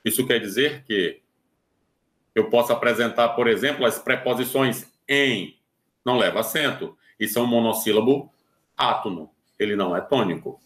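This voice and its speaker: Slow-explaining Brazilian man, roomy echo. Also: mid-range voice, fairly bright tone. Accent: Brazilian Portuguese. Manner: slow, deliberate explaining with hesitant fillers. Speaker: teacher. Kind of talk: recorded online lesson.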